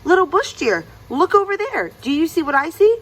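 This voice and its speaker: A woman's voice: extremely high pitch, big pitch swings, normal speed, voice pushed up, rough recording. A woman voicing Anansi's part in a children's storybook, a sly male trickster with a coaxing, insistent way of talking. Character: sly lazy trickster spider Anansi, eager and pushy, male.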